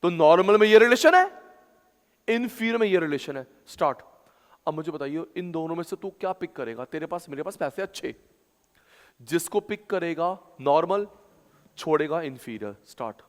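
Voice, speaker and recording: A male teacher giving a classroom lecture, drilling terms through loud, chanted call-and-response repetition. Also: a little high, animated, normal speed. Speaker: commerce teacher. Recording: long hall reverb.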